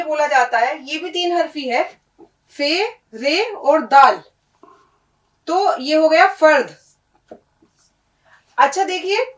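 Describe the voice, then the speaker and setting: In an echoey room with the microphone set far off, a woman teaches Urdu one letter at a time, her voice sitting high and somewhat bright. She explains, repeats and checks in with the class, frequently asking "है ना?".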